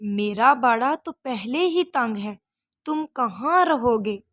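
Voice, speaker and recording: Storybook she-goat, fussy and polite, slow and higher-voiced, read by a woman teacher. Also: expressive, dry recording. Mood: politely refusing. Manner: polite but refusing. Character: fussy female goat turning a guest away.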